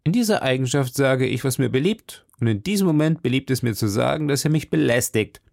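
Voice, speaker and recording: A man's voice: medium pitch, lively intonation, fairly quick, vocal fry, darkish tone, no echo, clean studio sound. A man voicing a sly, witty musketeer who speaks with patient mockery. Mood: mocking. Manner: mocking, patient, needling. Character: sly witty male musketeer, would-be priest.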